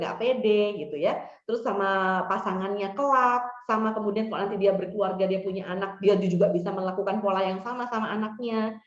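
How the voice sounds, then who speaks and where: A woman counselor speaks in a casual, conversational way. She gives practical advice and slips into short acted-out exchanges. The recording is lo-fi and roomy, with a muffled, echoing sound. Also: mid-range voice. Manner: conversational, acts out example dialogues. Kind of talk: workshop talk giving advice.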